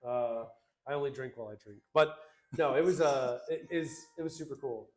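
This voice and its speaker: A man's voice: mid-range voice, fairly quick, reverberant. A man co-hosting a casual livestream, reading out chat comments in an upbeat, slangy, rambling way.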